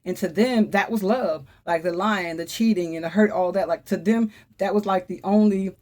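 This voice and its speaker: A woman's voice: medium pitch, normal speed, a little mellow. A woman giving a casual spoken tarot reading, talking straight to her viewers in a chatty, emphatic way and often exclaiming. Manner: talks straight to viewers, calls on the Holy Spirit. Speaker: tarot reader.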